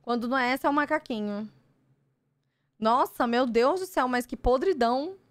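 Young Brazilian woman streamer, casual chat, gushing and easily excited, fairly high voice, dry close sound. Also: moderate pace, dry recording. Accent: Brazilian Portuguese. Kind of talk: casual card-opening chat.

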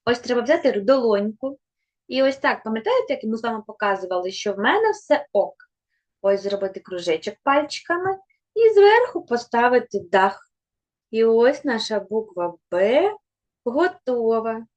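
A woman teaching a literacy lesson to young children, speaking in a slow, encouraging way and carefully stretching out letter sounds and tongue twisters. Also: fairly high pitch, animated, darkish tone, lo-fi sound. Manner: slow, sing-song and encouraging, addressing children.

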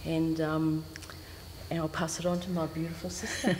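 Speaking low and flat with a darkish tone, this New Zealand artist on a gallery panel often repeats words while she thinks, giving her reflective remarks a halting quality. A stand mic picks her up indoors, where the gallery echoes and a faint hiss sits underneath.

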